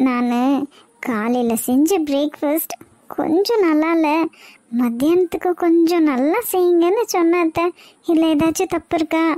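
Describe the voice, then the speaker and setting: A woman voicing a spoiled young woman in an animated cartoon who keeps complaining in a whiny, self-pitying way. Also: very high-pitched, no room sound, studio quality.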